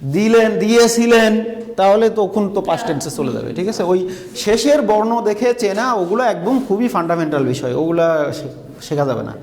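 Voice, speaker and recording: In a school classroom, an English teacher with a Bangladeshi Bengali accent teaches a grammar lesson, questioning the class and repeating their answers. His voice is high-pitched, expressive and a little mellow, at a moderate pace.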